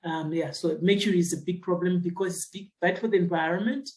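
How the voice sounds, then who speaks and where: A woman's voice: lowish voice, fairly even intonation, quick pace, a little mellow, poor audio. Thoughtful middle-aged woman from Zimbabwe. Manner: thoughtful, many fillers and restarts. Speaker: geoscientist and associate professor. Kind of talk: interview answers.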